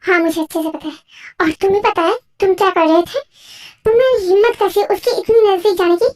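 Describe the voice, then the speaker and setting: A woman's voice: very high-pitched, brisk. A woman voicing a jealous, possessive young male professor in a fan-made audio drama. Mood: angry. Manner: scolding, sharp. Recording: faint music behind.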